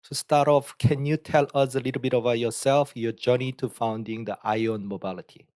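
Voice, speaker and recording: A man of middle pitch hosts an interview in a dry, close-sounding recording. He asks short, polite questions and sometimes restarts his sentences mid-way. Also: steady tone, moderate pace, darkish tone, no room sound. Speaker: interview host.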